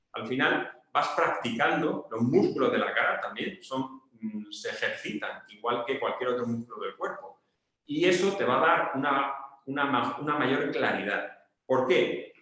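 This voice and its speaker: A man's voice: medium pitch, sharp tone. A man from explaining public speaking tips casually, often checking in with his listeners. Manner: explains with examples, asks "¿vale?". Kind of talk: casual video lesson. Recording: very echoey room.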